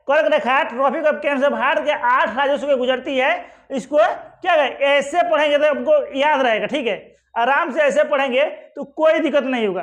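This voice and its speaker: A man with a very high-pitched, fairly bright voice teaches an exam-prep geography lesson at a map, heard through lo-fi sound. He poses questions and answers them himself, sprinkling in many reassuring asides and repeating "ठीक है" and "आराम से".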